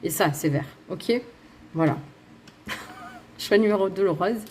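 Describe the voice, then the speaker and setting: A woman's voice: fairly low pitch, slow pace, darkish tone, slight background noise. A woman giving a casual tarot card guidance reading, bubbly and giggly, rambling with self-mocking asides and chatting straight to her viewers. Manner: lots of fillers and restarts, chatting straight to viewers. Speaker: tarot and oracle card reader.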